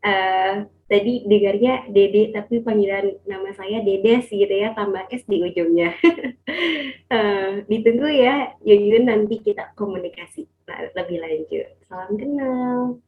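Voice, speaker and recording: A woman's voice: medium pitch, a little slow. A young woman hosting an event as MC, heard over an online call. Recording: thin, phone-like online call sound.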